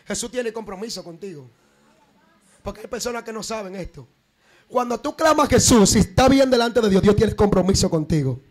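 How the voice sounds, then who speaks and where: A very high-pitched man with a Dominican accent preaches a fiery Pentecostal sermon at a night church service. He swings between impassioned shouts and low murmurs, now and then breaking into tongues. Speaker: evangelist preacher.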